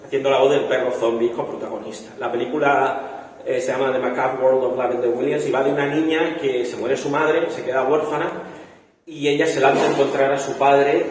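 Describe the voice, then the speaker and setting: Young adult Spanish director, animated storyteller, heard from across a reverberant hall. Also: male voice, medium pitch, brisk, slight background noise. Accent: Spain. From Spain. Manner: animated storytelling, acting out quoted voices. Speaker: film director. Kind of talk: festival talk. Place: large echoey hall. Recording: echoey hall from far off.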